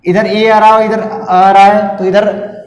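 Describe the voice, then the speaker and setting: A man's voice: sits high, little pitch movement, a little slow, lo-fi sound. A man with a Rajasthani Hindi accent teaching a grammar lesson, explaining step by step and often checking that the class follows. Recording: echoey room with long reverb.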